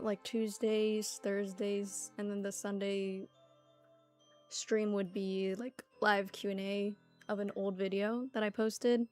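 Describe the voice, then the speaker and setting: A woman's voice: medium pitch, fairly bright tone. A young adult woman streaming casually, chatting playfully with lots of fillers and reading an article aloud to her viewers.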